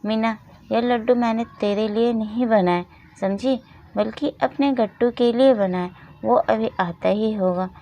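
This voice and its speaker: A woman voicing a harsh, taunting stepmother in a storybook reading, with a shrill scolding manner. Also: measured pace, warm tone. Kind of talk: storybook narration with voiced roles.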